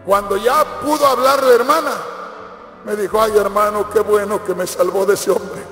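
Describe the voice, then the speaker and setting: A man's voice: high voice, fairly even intonation, moderate pace, a bit bright, roomy sound, in a large hall, faint music behind. A man, a pastor preaching a sermon and acting out the voices in his stories. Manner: storytelling, acts out quoted voices. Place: church.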